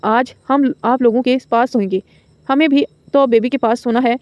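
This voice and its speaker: A woman voicing a cute, eager little girl who speaks slowly and pleads like a child, in a storybook reading. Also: on the high side, fairly even intonation, darkish tone, no room sound, lo-fi sound, lightly acted. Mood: pleading.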